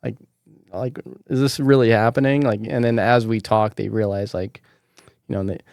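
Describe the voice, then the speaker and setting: A man's voice: lowish voice, steady tone, normal speed, gravelly, a little mellow, dry recording, clean studio sound. Chatty man hosting a podcast. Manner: chatty, loose storytelling with many "like"s. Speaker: podcast host. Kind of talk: casual chat.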